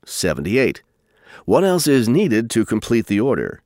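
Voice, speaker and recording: Man, exam narrator, scripted instructions, formal and deliberate, lively pitch movement, dry close sound. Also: no room sound. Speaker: listening test narrator.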